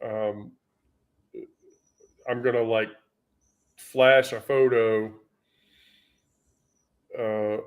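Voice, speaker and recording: A man's voice: on the low side, level tone, drawn-out words, pauses often. A man vlogging in casual storytelling mode, rambling and profane, with many fillers.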